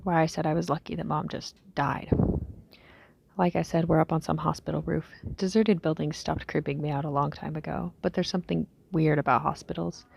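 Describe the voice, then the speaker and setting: Weary, low, creaky-voiced young woman survivor, acted. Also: darkish tone, full character voice. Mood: bitter, worried. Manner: low-key, halting, musing aloud. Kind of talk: scripted audio diary monologue, fiction drama.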